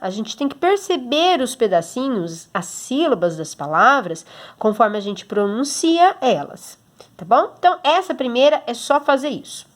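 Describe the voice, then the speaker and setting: A woman with a Brazilian Portuguese accent and a fairly high, very animated voice speaks at normal speed in a recorded homework lesson for children. As their teacher, she explains the exercise patiently, step by step, checking in often.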